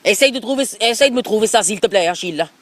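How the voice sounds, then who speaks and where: A brash, bigoted middle-aged football coach with an Alsatian accent, as a man puts him on for a prank call. He rambles and pushes, tacking little tags onto every sentence in a rather high voice. It sounds like he is speaking with a phone held close to his mouth. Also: lively intonation, rapid-fire, fairly bright tone. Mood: pushy. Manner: pushy, rambling, repeats filler tags. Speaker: prank caller.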